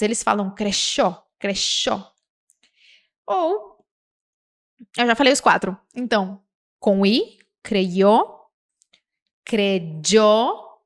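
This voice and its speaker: A Brazilian woman teaching a language lesson, reading example sentences slowly and breaking into lively, chatty explanations. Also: a little high. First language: Portuguese. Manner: slow, drawn-out example words with lively asides. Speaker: Spanish teacher.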